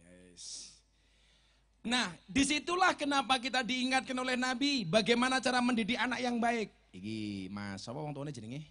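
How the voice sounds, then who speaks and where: A man's voice: very high-pitched, very animated, normal speed, sharp tone. A man in his forties with a Javanese accent, giving a joking sermon to a crowd and teasing the people in front of him. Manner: joking, switching between Indonesian and Javanese, teasing the audience. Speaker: preacher. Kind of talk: comic sermon to a live crowd.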